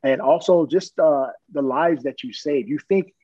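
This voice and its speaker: A middle-aged man with a husky voice tells stories from his work as a police officer. He is earnest and plain-spoken and chuckles now and then. The recording is dry and dull, with a lo-fi sound. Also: fairly high pitch, measured pace, warm tone, dry recording. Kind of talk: personal storytelling in an interview.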